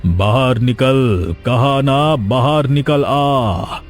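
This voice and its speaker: A man's voice: fairly low pitch, a little mellow, faint music behind. A man voicing a stern sadhu exorcist. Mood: threatening. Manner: slow, threatening commands. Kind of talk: cartoon voice acting.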